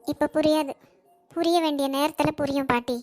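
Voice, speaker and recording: A defiant young woman, curt and resentful toward her family, played by a woman for a homemade cartoon. She talks with a Kanyakumari Tamil accent in a high voice. The sound is dry and close. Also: fairly even intonation, normal speed, a little mellow, dry recording, natural voice. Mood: bitter. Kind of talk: amateur cartoon voice acting.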